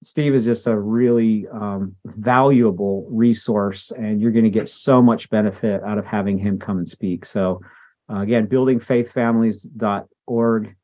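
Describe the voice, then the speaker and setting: A man's voice: fairly low pitch, fairly even intonation, measured pace, mellow. A man hosting a podcast interview, conversational and affirming toward his guest. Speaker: podcast host.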